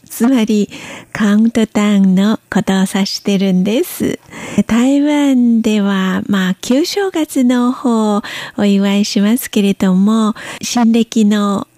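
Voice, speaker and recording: A woman's voice: on the high side, mellow, dry recording. A woman teaching a Chinese language lesson, patiently spelling out pronunciation and tones step by step. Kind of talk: slow careful language lesson.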